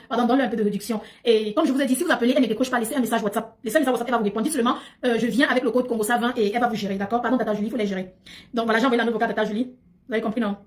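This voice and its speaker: A woman hosting a casual livestream chat in an emphatic, talkative way, often repeating her phrases. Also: on the high side. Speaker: livestream host.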